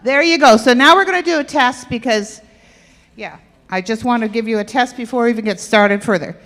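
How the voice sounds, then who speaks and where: Higher-pitched woman presenter, playful audience quiz, voice ringing in a reverberant hall. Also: fairly quick, a bit bright. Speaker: health workshop presenter. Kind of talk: interactive talk to an audience. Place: church hall with stage and aisle. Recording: echoey hall.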